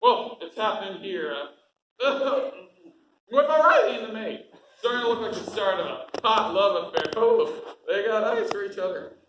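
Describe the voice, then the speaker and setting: Man as a high-voiced wisecracking comic, lively and bouncing, flirty showbiz patter, echoey auditorium. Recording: echoey auditorium, faint noise.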